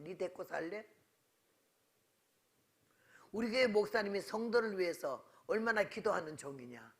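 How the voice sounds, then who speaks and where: An older woman delivers a revival sermon in a church. Her voice is gravelly and forceful, with a bright, tense edge. She speaks bluntly and scolds as she tells her stories, playing out each side of the conversations herself. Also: medium pitch. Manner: blunt, scolding storyteller who acts out both sides of conversations. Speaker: guest revival preacher, missionary. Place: church sanctuary.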